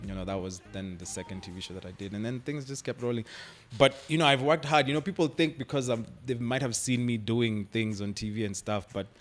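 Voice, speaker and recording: Talking a little fast with few pauses, a young Kenyan actor at medium pitch chats on the radio over soft background music. As a guest, he's loose and laughing, with "like" and "I mean" cropping up all the time.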